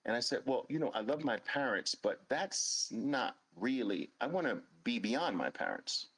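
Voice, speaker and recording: A man's voice: mid-range voice, very animated, moderate pace, fairly bright tone, breathy edge, poor audio. A man in his late fifties, hosting a show and telling a personal story in an earnest, emphatic way, repeating phrases for stress. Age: 50s. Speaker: host.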